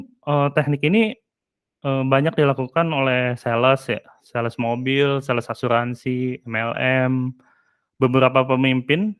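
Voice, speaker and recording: A man giving a relaxed, chatty presentation to colleagues, with many fillers and brief asides to listeners. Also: medium pitch, smooth.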